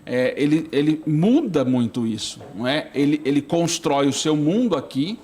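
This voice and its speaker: A middle-aged man speaking as a priest in a relaxed talk-show conversation. His voice sits a little high for a man. He rambles in a friendly way, checking in with the listener after almost every sentence. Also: normal speed, slight background noise. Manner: chatty, keeps asking "não é?". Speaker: priest, studio guest.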